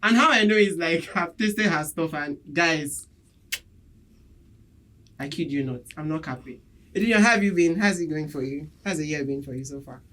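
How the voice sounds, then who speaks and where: Chatty young Nigerian man, excitable banter. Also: on the high side, moderate pace, rough recording. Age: young adult. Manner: excitable, joking, talkative. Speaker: podcast co-host. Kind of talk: casual podcast chat.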